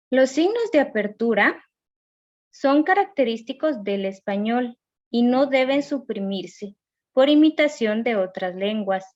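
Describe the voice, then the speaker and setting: A woman teacher giving a recorded grammar lesson, reading rules and examples slowly and carefully. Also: a little high, dull audio.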